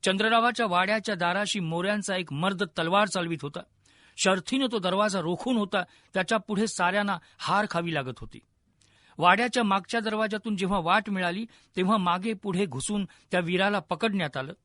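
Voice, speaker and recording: A male storyteller with a high, bright voice tells a historical tale vividly and expressively. The recording is dry and close, with no room sound. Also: a little fast, no room sound. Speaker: narrator. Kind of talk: dramatic storytelling narration.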